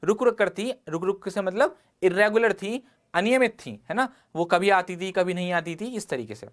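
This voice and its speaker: A man's voice: sits high, normal speed. A male teacher with an Indian English accent runs an online exam-prep vocabulary lesson. He keeps asking the class rhetorical questions and ties each word to everyday life. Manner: explains words with everyday examples and rhetorical questions.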